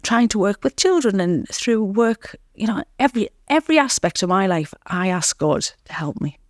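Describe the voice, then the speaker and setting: A woman's voice: mid-range voice, expressive, normal speed, dry recording, clean studio sound. Earnest woman sharing her recovery story. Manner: earnest, repeating words, frequent "you know"; reflective storytelling. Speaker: podcast guest. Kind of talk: candid recovery interview.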